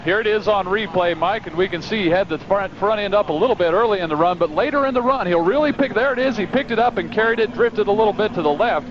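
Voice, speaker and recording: A man's voice: sits high, fast, hardly any pauses. A man calling live play-by-play as a tractor pull announcer at an outdoor track. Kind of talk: live sports play-by-play commentary. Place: outdoor track broadcast stand. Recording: dull broadcast audio, loud engine noise.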